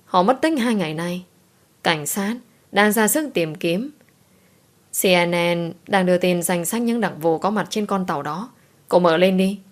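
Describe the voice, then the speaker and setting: A woman's voice: fairly low pitch, lively intonation, measured pace. A woman doing an urgent, crying girlfriend. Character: worried young female friend, crying.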